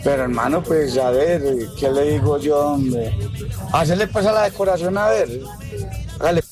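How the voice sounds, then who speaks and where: A man's voice: fairly high pitch, moderate pace, over music. Rambling man in a voice note. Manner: rambling, keeps saying brother. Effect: recorded voice message played on air. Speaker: radio listener sending a voice note.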